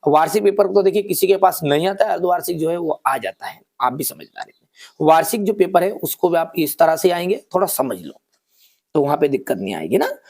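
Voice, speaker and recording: A man's voice: on the high side, expressive, creaky, a little mellow. A man teaching an exam paper, explaining patiently and reading sentences word by word. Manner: patient, explaining slowly with frequent checks; reads English sentences word by word.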